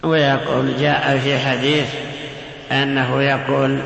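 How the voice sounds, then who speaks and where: Gravelly man teaching in an echoey hall. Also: medium pitch, level tone, a bit bright. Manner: slow, measured, with drawn-out chanted words. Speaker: religious teacher. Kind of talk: religious lesson. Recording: echoey hall with long reverb, faint ambience.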